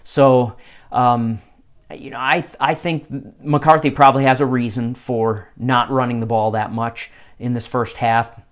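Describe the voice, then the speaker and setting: A man with a medium-pitched voice talks football-fan style as the host of a halftime show. His commentary is informal and unscripted. He speaks haltingly, working out his points aloud. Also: steady tone. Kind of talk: casual sports commentary, halftime fan talk.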